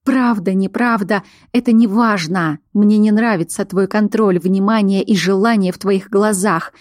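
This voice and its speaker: A woman's voice: mid-range voice, unhurried, darkish tone, no room sound, clean studio sound, lightly acted. A woman voicing a frightened but defiant young fox-shifter woman in an audiobook, speaking in a raised, agitated voice.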